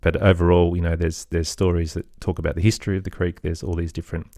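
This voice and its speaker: Quick-paced and dark-toned, the low voice barely moves in pitch. He's a middle-aged podcast guest, musician and storyteller, giving loose, reflective answers hedged with "sort of" and "kind of," captured in clean studio sound without echo.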